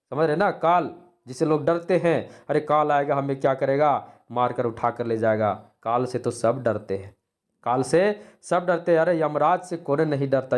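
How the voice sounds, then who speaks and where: A man teaching grammar online, asking rhetorical questions and answering them himself, with lively recitation. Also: mid-range voice. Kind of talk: classroom lecture.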